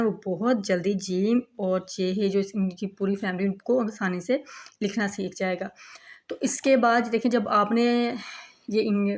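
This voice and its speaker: A woman giving a patient, step-by-step demonstration of writing letters, often saying "look" as she shows each step. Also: medium pitch. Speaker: teacher.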